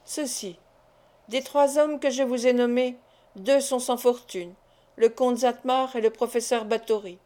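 Sly plotting guy, low-key menace, woman reading it, warm mellow voice. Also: a little slow, close to an everyday voice. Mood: scheming. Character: scheming male agent, menacing and sly.

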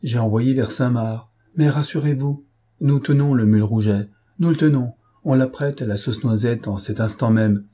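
A man's voice: medium pitch, moderate pace, dark tone, husky, close to an everyday voice. A man voicing a courteous, self-assured head butler. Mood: reassuring.

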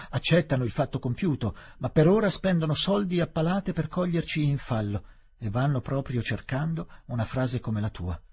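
A man's voice: mid-range voice, darkish tone, breathy edge. A man doing a stern, dismissive official. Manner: firm, dismissive. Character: stern condescending young Englishman official.

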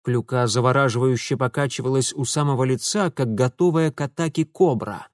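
An audiobook narrator reads an adventure story aloud from a script, using dramatic, rhythmic storytelling. His medium-pitched voice moves a little fast, recorded at studio quality with no room sound.

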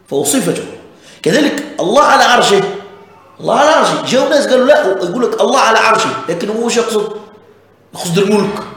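A man, a religious teacher explaining a text step by step and often checking that listeners follow. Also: sits high. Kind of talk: explanatory lesson commentary on a text. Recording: very echoey room.

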